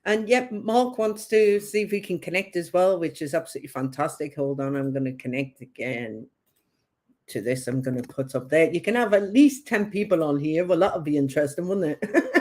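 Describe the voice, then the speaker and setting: Deep and somewhat dark in tone, her voice moves at a normal speed as she runs a laid-back psychic reading live stream. Her northern English accent has a light Geordie touch, and her talk wanders, broken up by frequent laughter.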